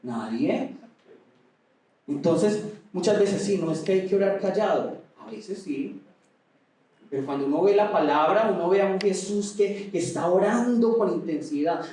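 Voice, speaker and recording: Impassioned preacher in echoey hall. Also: male voice, sits high. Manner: impassioned preaching, rising to near shouts at times. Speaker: pastor. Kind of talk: sermon. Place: large echoey auditorium. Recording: echoey hall, mic at a distance.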